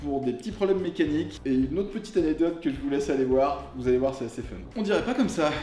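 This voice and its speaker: A man's voice: a little high, animated, fast talker, warm tone. A man presenting a car review in a casual, colloquial, tongue-in-cheek way. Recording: roomy echo with music underneath. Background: music.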